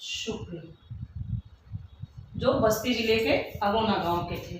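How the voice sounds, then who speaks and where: A woman teacher, dictating a lesson at a very unhurried pace and repeating each term word by word. She sounds far from the mic in a strongly echoing room, with a faint hiss behind her. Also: mid-range voice. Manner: repeats terms slowly, word by word, calls students 'beta'. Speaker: Hindi literature teacher. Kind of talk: dictation-paced exam lesson.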